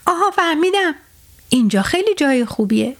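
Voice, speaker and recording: A woman's voice: high voice, sing-song. A woman voicing Sleep as a wandering spirit in a children's bedtime story, speaking in a lifted, coaxing voice. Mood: scheming. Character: Sleep, a wandering spirit looking for someone to put to sleep.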